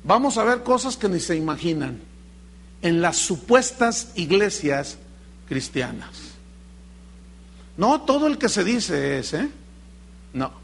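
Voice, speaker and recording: High-voiced pastor preaching. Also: male voice, takes it slowly, creaky, long pauses, a little hiss or hum. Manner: animated preaching, acts out dialogue in voices. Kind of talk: sermon.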